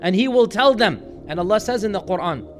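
A man's voice: high-pitched, animated, a little fast, soft background music. A man giving an earnest religious lecture, explaining a scripture passage with emphatic, building delivery. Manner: earnest, emphatic, voices quoted crowds with rising intensity. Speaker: Islamic lecturer.

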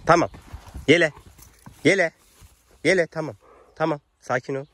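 A man's voice: fairly high pitch, moderate pace, fairly bright tone, no room sound. A man talking affectionately to his horses outdoors and addressing viewers, coaxing and calling to them with repeated words. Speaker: rural vlogger caring for his horses. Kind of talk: casual vlog talk to animals and viewers. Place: outdoors in the countryside near animals.

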